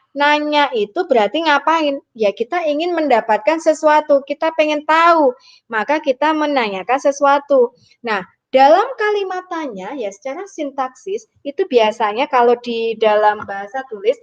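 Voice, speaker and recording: A woman lecturer with a fairly high voice talks students through a lesson. She explains patiently, mixing formal phrasing with casual slang. The recording is a little dull and lo-fi. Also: a bit bright. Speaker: university lecturer. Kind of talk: online lecture.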